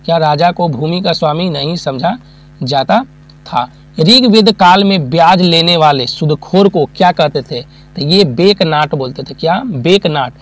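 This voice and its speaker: High-voiced teacher with a lilt. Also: male voice, measured pace. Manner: asks listeners questions and answers them himself; uses homely examples, repeats key terms. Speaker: exam-prep teacher. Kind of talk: classroom lecture.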